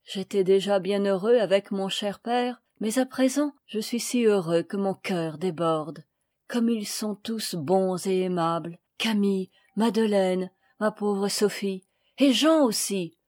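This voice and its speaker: A woman's voice: medium pitch, a little slow, a little mellow, lightly acted. A woman reading aloud, voicing a proud, strong boy who speaks firmly in a storybook. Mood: tender. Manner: firm and commanding.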